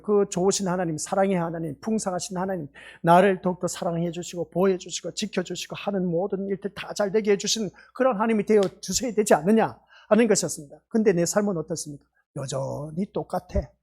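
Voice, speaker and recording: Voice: medium pitch, fast talker, a little mellow. A pastor giving an evening worship sermon, preaching fervently and pressing the congregation with rhetorical questions. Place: small church sanctuary.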